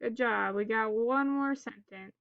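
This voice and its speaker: A woman teacher leading a phonics drill for children in staccato, clipped single words with pauses between them. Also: fairly high pitch, vocal fry, no echo, narrow, tinny audio.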